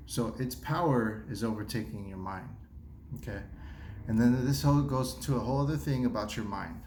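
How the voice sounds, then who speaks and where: A man's voice: mid-range voice, moderate pace, a little mellow, roomy sound, a little hiss or hum. A man giving earnest self-help advice to the camera, repeating himself and restarting phrases as he coaches viewers through pain. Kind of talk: earnest motivational talk to camera. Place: seated at a table.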